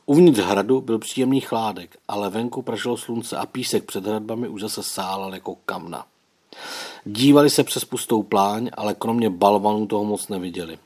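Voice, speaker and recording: A man narrating a children's adventure story in a calm, scripted reading. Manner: reads all characters himself, quotes lifted higher and louder. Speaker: audiobook narrator.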